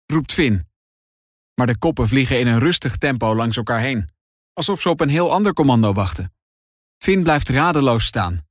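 A man reading a children's adventure audiobook in dramatic, expressive scripted narration. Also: medium pitch, moderate pace, no echo, studio quality.

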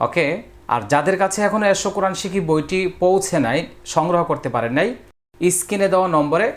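A man with a Bangladeshi Bengali accent teaching a step-by-step reading lesson, patiently drawing out and repeating syllables for learners to copy. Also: on the high side.

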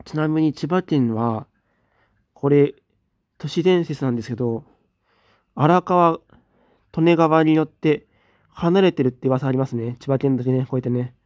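A man in a casual livestream, reading out viewer comments and giving short, relaxed replies. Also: on the high side, normal speed, pauses often, dry recording, clean studio sound. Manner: relaxed, reads comments aloud with brief replies.

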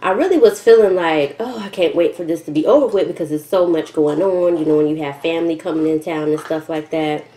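A woman in her thirties, a mukbang vlogger, talks casually to camera while eating at a kitchen table, chewing between and through her words. Her voice is low and dark, and she speaks briskly with hardly any pauses. The room gives a roomy echo with faint noise.

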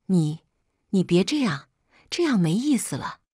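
A woman's voice: medium pitch, very animated, a little slow, dark tone, husky, no echo, clean studio sound. A woman voicing a cheating middle-aged husband who speaks in a curt, businesslike, impatient way. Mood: cold, impatient.

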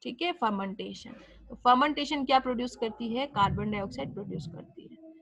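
A woman's voice: on the high side, animated, brisk, vocal fry, a bit bright, no echo. A young woman teaching a biology class, explaining step by step and answering her own questions. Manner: mixes English terms into Hindi. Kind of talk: classroom lecture.

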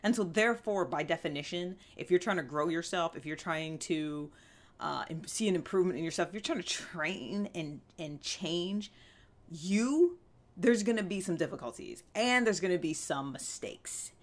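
A woman in her thirties with a lowish, animated voice speaks at a normal speed, giving a candid self-help talk to the camera. As a vlog host in a small indoor room with a fabric backdrop, she's earnest, conversational and emphatic, frequently checking in with the listener.

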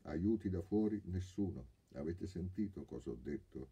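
A man's voice: low voice, lively intonation, normal speed, warm tone, breathy edge, lo-fi sound, pitched above the performer's own voice, heavily acted. An actor reading aloud voices a stern male doctor who scolds the fighting men. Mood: scolding. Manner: scolding, firm.

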